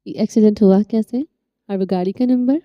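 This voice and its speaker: A woman voicing a quick-tempered but caring young woman in an audio novel. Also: mid-range voice, no room sound, muffled recording, natural voice. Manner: sharp, exasperated.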